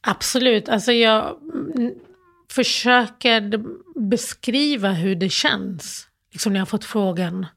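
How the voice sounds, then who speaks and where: Grieving woman guest, halting emotional storytelling, lots of false starts. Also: mid-range voice, creaky, fairly bright tone. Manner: halting, emotional, many restarts and fillers. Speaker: interview guest. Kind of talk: personal storytelling in an interview.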